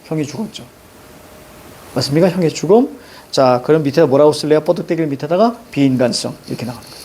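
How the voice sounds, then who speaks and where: A man's voice: fairly high pitch, darkish tone. A middle-aged male teacher explains a story to students, marking up the text and asking rhetorical questions. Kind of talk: literature lecture.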